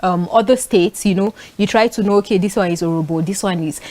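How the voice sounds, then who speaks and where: A young woman from northern Nigeria, speaking with a Nigerian accent, tells stories animatedly and quickly as a talk show panelist, using frequent fillers in a casual panel discussion. Her voice is mid-range, and a noisy crowd can be heard behind her.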